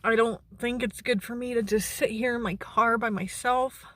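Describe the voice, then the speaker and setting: A woman sounding anxious and shaken, speaking haltingly and earnestly to camera in a personal vlog. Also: a little high, steady tone, sharp tone, dry recording. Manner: halting, earnest, with long pauses. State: anxious, shaken during a panic attack. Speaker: mental health vlogger. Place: outdoors beside a parked car.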